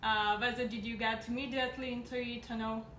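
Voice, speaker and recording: A woman interviewing a guest, asking plain, slightly halting questions. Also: on the high side, little pitch movement. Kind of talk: casual interview. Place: outdoors in a city, traffic nearby. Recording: echoey with loud traffic noise.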